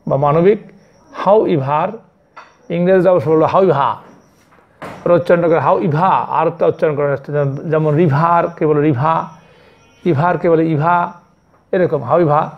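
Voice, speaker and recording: A male primary school teacher with a Bangladeshi accent, giving a slow classroom lesson and spelling out words letter by letter. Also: on the high side, lo-fi sound. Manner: spells words letter by letter, repeats each meaning several times.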